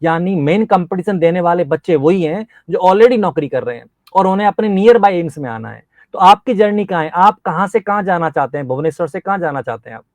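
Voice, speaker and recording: A man's voice: high-pitched, lively intonation, a little fast, hardly any pauses, no echo. A man coaching nursing exam students, interviewing a top scorer in an earnest, encouraging, teacherly way. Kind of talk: motivational interview.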